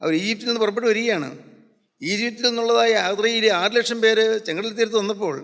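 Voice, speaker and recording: A man's voice: high-pitched, fast, fairly bright tone. A man preaching a gospel sermon in a fervent, repetitive style. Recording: long hall reverb.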